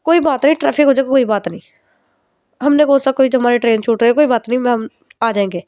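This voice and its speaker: A woman's voice: fairly high pitch, quick pace, dark tone, dry recording, lightly acted. A woman voicing an exasperated young woman who protests defensively on a phone call.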